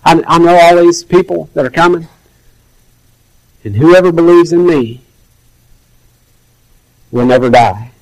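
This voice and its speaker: Conversational preacher, fairly high male voice. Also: unhurried, long pauses, poor audio. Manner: conversational, acts out quoted voices. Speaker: pastor. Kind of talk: sermon.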